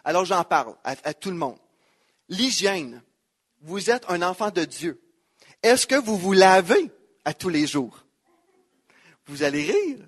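High-voiced Quebec French pastor preaching. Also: male voice, very animated, measured pace, pauses often, husky. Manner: emphatic, repeats key phrases, quotes scripture. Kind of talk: sermon.

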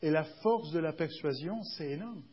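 Homme, prédicateur, voix assez aiguë, un peu enrouée, ton familier, enregistrement terne. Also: male voice, fairly high pitch, animated, normal speed, breathy edge, highs cut off. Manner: conversational, often checks the congregation is following; acts out little dialogues with shifts of tone. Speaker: preacher. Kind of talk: sermon. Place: church.

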